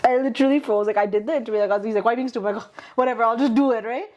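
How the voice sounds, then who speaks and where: A woman's voice: on the high side, rapid-fire, a little mellow, highs cut off. A young woman hosting a casual chat, emphatic and enthusiastic, repeating her points for effect. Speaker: podcast host.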